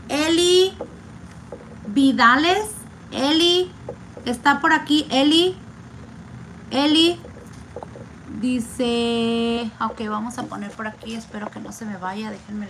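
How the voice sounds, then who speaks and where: A woman vlogger holding a giveaway raffle, chatting casually and slowly drawing out each name she reads. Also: on the high side, fairly bright tone, a little hiss or hum, rough recording. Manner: slow, chatty, drawn-out name reading. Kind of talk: casual live raffle chat.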